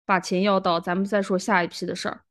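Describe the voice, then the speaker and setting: A woman co-hosting a casual chat podcast, laughing often and talking in halting bits with restarts. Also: medium pitch, little pitch movement. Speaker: podcast co-host.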